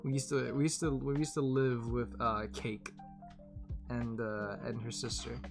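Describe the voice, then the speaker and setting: A young woman streamer chatting casually with her viewers, rambling and laughing often, going from animated bursts to tired murmurs. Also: very deep voice, unhurried, gravelly, music in the background. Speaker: live streamer.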